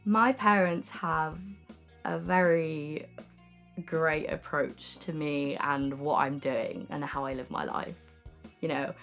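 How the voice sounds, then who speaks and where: A woman's voice: sits low, slow, vocal fry, fairly bright tone. A young adult woman talking frankly and informally in an interview as an artist, often saying "like" and "um". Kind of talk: candid casual interview talk. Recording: music playing behind the voice. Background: music.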